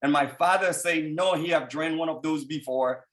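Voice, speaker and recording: A Haitian man in his thirties with a thick accent and a fairly high voice delivers a motivational speech at normal speed to people on a call. He speaks fervently, his voice climbing to shouts at the high points.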